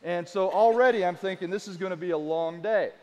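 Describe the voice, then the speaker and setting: A middle-aged male pastor preaches in a loose, folksy way, full of asides and stories. His voice sits high for a man. The sound carries a long reverb, as from a church hall. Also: a little fast, darkish tone. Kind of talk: sermon.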